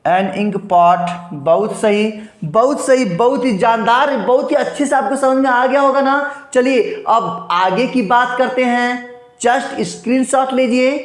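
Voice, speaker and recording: A man's voice: very high voice, slow pace. A man teaching an exam-prep grammar lesson, asking and answering his own rhetorical questions and repeating key points. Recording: echoey room.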